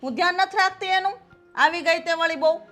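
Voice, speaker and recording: High, sharp actress playing a domineering grandmother, bossy and scolding, soft score underneath. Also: a little fast, soft background music. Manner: scolding, bossy; coos in baby talk to the infant. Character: harsh domineering mother-in-law, grandmother. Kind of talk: Gujarati film drama acting.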